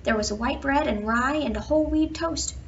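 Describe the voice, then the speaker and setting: Reading a bedtime picture book to children, this woman uses expressive emphasis, drawn-out words and playful asides. She has a fairly high voice with clear vocal creak, and the home recording sounds dull and somewhat far from the mic, with background noise.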